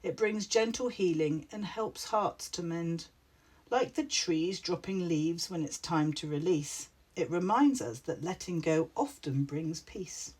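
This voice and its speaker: Kindly female witch for a storybook, reassuring and slow, voiced by a woman. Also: lowish voice, a little mellow, slightly rough. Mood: gentle. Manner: soothing, reassuring. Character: kind, gentle female witch, comforting friend.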